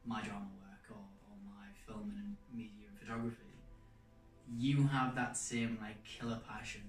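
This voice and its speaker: Halting male host, echoey room. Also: mid-range voice, expressive, distant mic. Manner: halting, full of fillers and restarts. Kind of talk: casual interview chat. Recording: roomy echo, off-mic, faint music behind.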